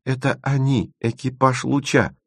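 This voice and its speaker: A man reading an audiobook, voicing a dreamy, stubborn young woman who speaks softly and a little painfully. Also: mid-range voice, fairly even intonation, measured pace, vocal fry, no room sound, voice pushed up. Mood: protesting. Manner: soft, pained and wistful.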